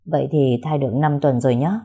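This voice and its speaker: A woman voicing a kind, concerned male doctor who asks questions calmly. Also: very deep voice, a little fast, breathy edge, full character voice. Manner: calm, gently questioning.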